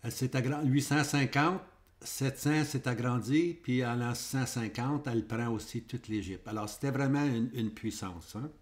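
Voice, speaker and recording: A man with a Québécois French accent gives a Bible prophecy lesson, pointing things out on maps. He repeats his key points and keeps checking in with his listeners. His voice sits at a middle pitch for a man. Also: normal speed. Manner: repetitive, checks in with "hein?" and "ok?". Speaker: Bible teacher.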